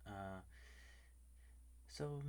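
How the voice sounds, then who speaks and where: Low-voiced man, late-night whispered ASMR rant, swears freely, faint tapping noise behind. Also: very slow, a little mellow. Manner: whispering, ranting, swears often. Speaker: ASMR video maker. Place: bedroom at home at night. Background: faint keyboard tapping and clicks.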